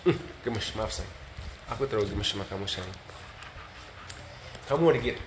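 A man's voice: on the low side, moderate pace. A man hosting a casual live stream at home with his dogs, cooing baby talk at them and chatting to his viewers. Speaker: dog owner and live stream host. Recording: live stream with steady background noise.

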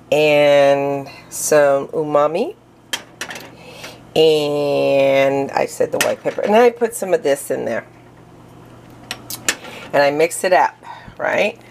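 A low-pitched woman talks slowly through a casual cooking demonstration in her home kitchen. She rambles, restarts her sentences and fills gaps with "um", a little out of breath. Faint clatter of pots and dishes sits behind her. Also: creaky, noisy background. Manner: rambling, chatty, many fillers and restarts. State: breathing hard.

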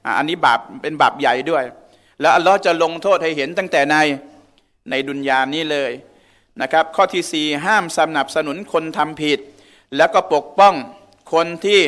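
A man's voice: a little high, moderate pace, a bit bright. A man giving a conversational religious lecture in a mosque, often asking the audience questions. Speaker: religious teacher.

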